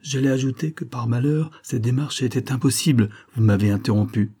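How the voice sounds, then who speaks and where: A man reading as a calm, reasoned colonel. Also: mid-range voice, a little fast, slightly rough, voice pushed up, natural voice. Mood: earnest.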